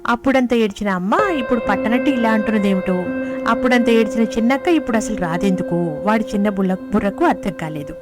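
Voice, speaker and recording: A woman reading a story aloud in a gentle, expressive way, voicing the characters. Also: medium pitch, fast. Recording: music playing behind the voice.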